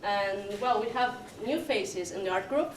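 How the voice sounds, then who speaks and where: A young Argentine woman, speaking a language that isn't her own, introduces an art exhibition in a casual way. Her medium-pitched speech is slow and hesitant, packed with fillers. Picked up from afar by a room mic, her voice sounds distant amid the noisy hall, with people around.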